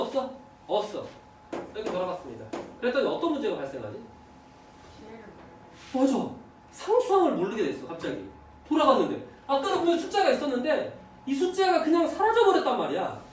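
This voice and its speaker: A man's voice: extremely high pitch, heavy reverb, distant mic, slight background noise, rough recording. A man teaching math to a class, often stopping to ask whether the students follow. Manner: lively, checks understanding with students. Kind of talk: classroom lecture.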